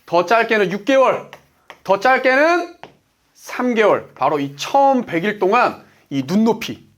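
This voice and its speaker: A man in his forties, a coach, gives an emphatic motivational lecture about business, asking rhetorical questions and answering them. He talks a little slowly, in a high voice with big pitch swings.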